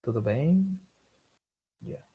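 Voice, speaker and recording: A man's voice: fairly high pitch, lively intonation, extremely slow, husky, phone-quality sound. A man with a Peruvian Spanish accent teaching a vocabulary class, listing synonyms and checking in with his students. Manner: drills vocabulary lists, checks in with students often. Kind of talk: online class lecture.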